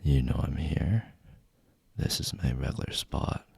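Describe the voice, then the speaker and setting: Casting: male actor as taunting young bully for whispered role-play; very husky, slow-paced, gravelly, teasing and intimate delivery. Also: a bass voice, expressive, darkish tone, no echo, heavily acted. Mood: taunting, challenging.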